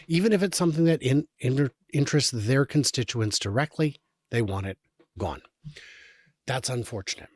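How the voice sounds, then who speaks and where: A man delivers political commentary in a sarcastic, exasperated tone and often breaks off mid-sentence to restart. His voice sits at an ordinary middle pitch for a man. The recording is dry and close, with no room sound. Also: moderate pace, no echo. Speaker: show host. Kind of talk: political commentary reading and reacting to articles.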